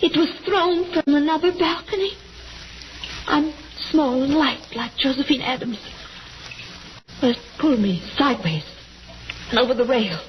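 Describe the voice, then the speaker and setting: Actress as high-voiced frightened wife, old radio drama. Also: female voice, close to an everyday voice. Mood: fearful, urgent. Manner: halting, breathless, insistent phrases. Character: small frightened exhausted wife, hysterical survivor of attempted murder. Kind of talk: 1940s radio drama acting. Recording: noisy muffled 1940s radio recording.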